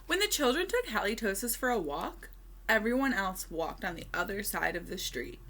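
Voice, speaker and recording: A woman reading a children's storybook aloud expressively, with deliberate dramatic pauses and emphasis. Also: mid-range voice, very animated, a bit bright, a little hiss or hum.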